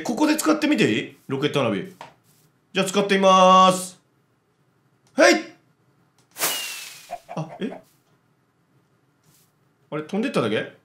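A man giving casual let's-play commentary, chatty and excitable, talking to himself as he plays. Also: sits high, moderate pace, long pauses. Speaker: game commentator. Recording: roomy echo with background music.

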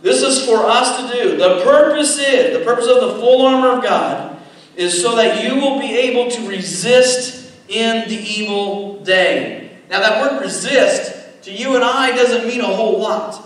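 A man with a fairly high voice preaches to his congregation, pausing often to ask "okay?" and hammering key words through repetition. His voice rings through a large, reverberant church sanctuary. The mic sits some way off, so he sounds distant. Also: fairly bright tone. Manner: deliberate preaching with repeated "okay" checks and emphatic repetition. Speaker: pastor. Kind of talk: sermon. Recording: echoey church hall from a distance. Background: long hall reverb.

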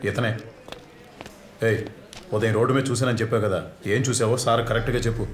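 A man's voice: medium pitch, flat delivery, fast talker, slight background noise, lightly acted. An actor playing a dutiful male police constable in a dubbed film, deferential to his superior and bossy with underlings. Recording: roomy echo.

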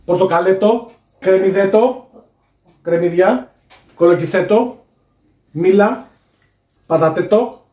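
A man's voice: high-pitched, pauses often, darkish tone. A man in his thirties chatting casually as he unpacks groceries at home, joking and giving items playful made-up names. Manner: jokey, lists groceries with playful made-up endings. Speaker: co-host. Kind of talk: casual chat. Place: home kitchen indoors. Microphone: camera across the room. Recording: echoey kitchen from far off.

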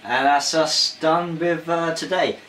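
A man's voice: fairly high pitch, steady tone, slow pace, fairly bright tone. A man co-hosting a casual food taste-test, laid-back with dry jokes. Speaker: food review co-host. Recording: echoey room, faint noise.

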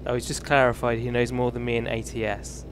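Here a British streamer in his thirties, from England, chats loosely and self-deprecatingly as he plays a driving game. His medium-pitched voice is fast and fairly flat, and the game's engine and road noise hum in the background.

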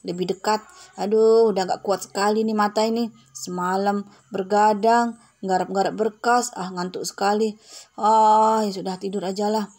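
Woman as sleepy adult, game role-play, quiet, muttering, grumbling. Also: mid-range voice, steady tone, normal speed, close to an everyday voice.

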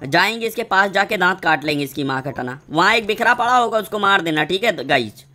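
Man, gaming streamer, live commentary, crude joking trash-talk, bright tense voice. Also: high voice, lively intonation, fairly quick, a little hiss or hum. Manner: playful sing-song riffs.

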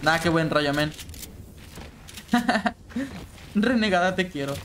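Young Mexican male streamer, high-pitched, slangy and chatty, faint hiss behind. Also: expressive, slow pace. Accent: Mexican Spanish. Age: 20s. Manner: slangy, chatty, hums and bursts into shouts. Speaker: game streamer. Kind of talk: casual live-stream chat.

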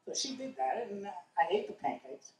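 A man casually telling a personal story, animated and wry, swearing freely. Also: high voice, moderate pace, background noise. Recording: roomy echo, distant mic.

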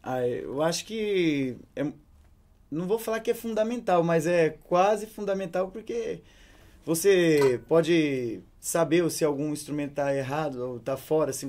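A young man from Brazil with a Brazilian Portuguese accent, a singer answering interview questions in a relaxed, chatty way. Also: a little high. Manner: relaxed, chatty, with many fillers. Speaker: singer and songwriter, interview guest. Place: hotel room studio set.

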